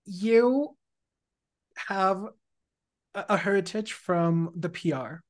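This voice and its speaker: Interviewer, encouraging, affirming, average pitch. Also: takes it slowly. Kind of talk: conversational interview.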